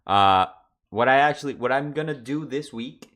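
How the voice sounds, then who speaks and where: A man's voice: mid-range voice, moderate pace, a bit bright. A young man chatting casually on his livestream from home, rambling loosely with lots of fillers and restarts. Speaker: streamer.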